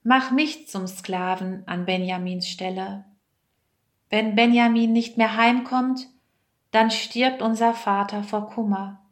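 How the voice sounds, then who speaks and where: A man pleads humbly on his brother's behalf, as a woman reading aloud puts him on. The delivery is slow and earnest, in a children's storybook reading. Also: medium pitch, steady tone, close to an everyday voice. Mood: pleading. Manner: begging.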